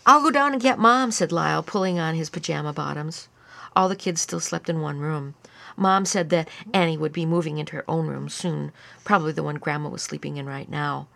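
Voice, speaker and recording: A woman reading a children's chapter book aloud in an even, soft-spoken voice. Her voice sits low with a gravelly texture. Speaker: narrator. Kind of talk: storybook reading.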